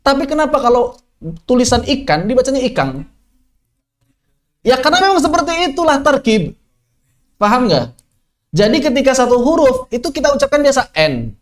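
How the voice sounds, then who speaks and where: A man from the Sundanese region of West Java teaching a tajwid lesson in an online class, lively and jokey, asking his students rhetorical questions. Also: sits high. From Sundanese region of West Java, Indonesia. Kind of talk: online Quran recitation lesson. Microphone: online class microphone.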